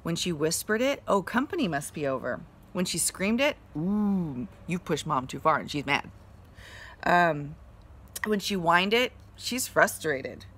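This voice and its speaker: A mother and teacher giving a slow, encouraging grammar lesson to young children, with fillers as she explains. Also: on the low side, expressive, a bit bright.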